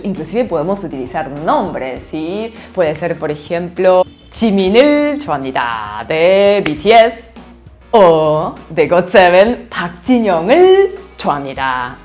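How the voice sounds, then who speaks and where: A woman teaching a lively online Korean lesson, laughing often and checking in with her students. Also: fairly low pitch. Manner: animated, laughs often, asks "¿sí?" constantly.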